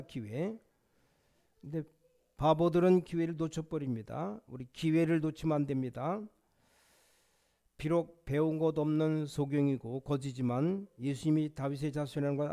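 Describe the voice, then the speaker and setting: A middle-aged man preaching a sermon as pastor, emphatic, his voice rising to near-shouts when he quotes. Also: fairly high pitch, creaky.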